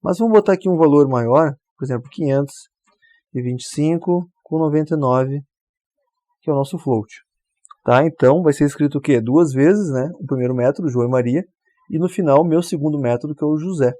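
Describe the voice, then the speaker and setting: Speaking a little fast in a higher-pitched voice, a man guides viewers through a coding tutorial recorded from his screen. He stays relaxed, breaks each step down, and keeps asking "tá?" to make sure they follow. There is no room sound.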